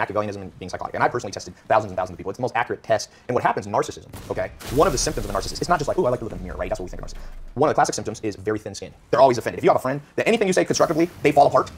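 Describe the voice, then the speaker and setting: A man talks at a very fast clip as a podcast guest. He tells motivational stories with strong emphasis and acts out the people he quotes. Faint noise sits under his voice. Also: on the low side. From United States (California). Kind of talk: animated motivational storytelling.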